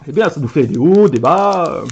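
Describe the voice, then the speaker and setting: A man chatting casually as he opens card packs for his video, letting out excited exclamations over each card. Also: fairly high pitch, moderate pace, highs cut off, noisy background. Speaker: card game video creator. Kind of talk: casual card pack opening commentary.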